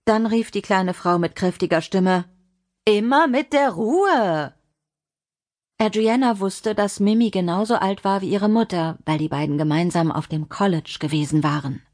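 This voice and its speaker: A woman narrating an audiobook in a measured, steady reading. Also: fairly low pitch. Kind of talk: scripted narration.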